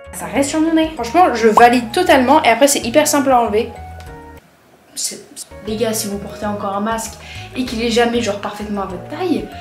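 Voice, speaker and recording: Chatty young woman in an echoey room. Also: on the high side. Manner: chatty, self-mocking commentary. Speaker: vlogger testing tips. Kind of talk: casual vlog chat. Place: at home, later a bathroom. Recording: roomy room with faint music.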